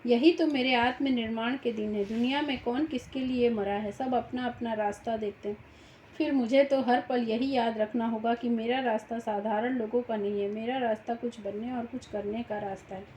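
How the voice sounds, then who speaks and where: A woman teacher reading a novel aloud as audiobook narration, in a steady storytelling manner. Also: on the high side, moderate pace, a little hiss or hum. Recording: roomy, slightly dull home recording.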